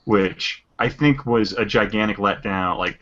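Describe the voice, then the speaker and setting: A man's voice: lowish voice, a little slow, a bit bright. A man co-hosting a podcast, rambling through his opinions in casual chat. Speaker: podcast co-host. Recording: dull lo-fi audio.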